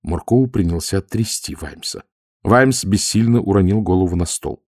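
A man reading an audiobook aloud in a lively, theatrical way. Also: deep voice, normal speed, no room sound, clean studio sound. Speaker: audiobook narrator.

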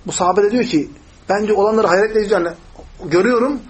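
A man's voice: high-pitched, rapid-fire, poor audio. A man teaching a hadith lesson, explaining step by step, asking his class questions, and reciting Arabic passages. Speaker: religious teacher.

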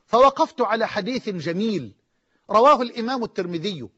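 A man with an Egyptian accent preaching an emotional sermon, swinging from near-shouts to low, hushed lines. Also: animated, fairly quick, slightly rough. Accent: Egyptian Arabic. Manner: impassioned, rising to near-shouts and dropping low. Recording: dull lo-fi audio.

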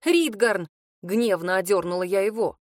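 A woman narrating a first-person novel as an audiobook, lively and expressive. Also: mid-range voice, normal speed, no echo, clean studio sound.

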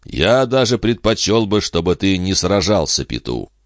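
A man reading a grave, gruff older farmer in an audiobook, terse and stern. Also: low-pitched, sing-song, normal speed, no echo, studio quality, pitched above the performer's own voice.

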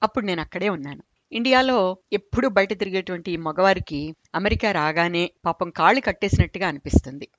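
A woman's voice: on the low side, brisk, no room sound. A woman telling humorous stories in a chatty, amused way. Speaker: storyteller. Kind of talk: humorous storytelling narration. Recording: dull dry recording.

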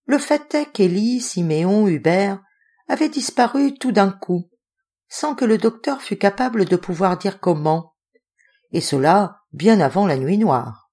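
A woman narrating an audiobook in a calm, measured reading. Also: mid-range voice, slightly rough. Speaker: audiobook reader.

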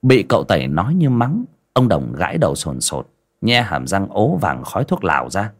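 A male storyteller tells a folksy tale. His voice is fairly low but rises and falls expressively. He gives every scene vivid colour. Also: huge pitch swings, moderate pace.

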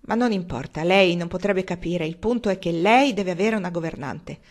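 Woman reading as an earnest young woman, firm and gentle, close to her own voice. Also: on the low side, moderate pace, lightly acted.

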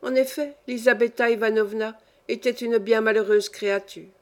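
A woman reading a classic short story aloud, narrating in a measured, clear storytelling manner. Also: fairly high pitch, fairly even intonation. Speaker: audiobook reader. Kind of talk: scripted literary narration.

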